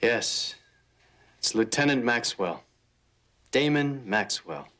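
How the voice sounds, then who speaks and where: An actor playing a matter-of-fact military major giving information in a television crime drama. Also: male voice, mid-range voice, animated, takes it slowly, pushed and bright. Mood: measured, certain.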